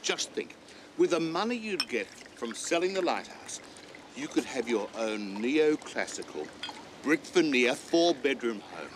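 A coaxing, slow sales talker. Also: male voice, medium pitch, very animated, noisy background. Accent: Australian. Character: smooth-talking adult man pushing a lighthouse sale. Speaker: man urging a sale.

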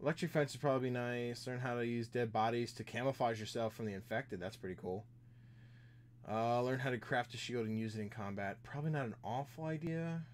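A man's voice: mid-range voice, fairly quick, a little hiss or hum. A man streaming a video game, chatting casually with viewers as he plays. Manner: rambling, chatting with viewers while playing. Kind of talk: casual gameplay chat.

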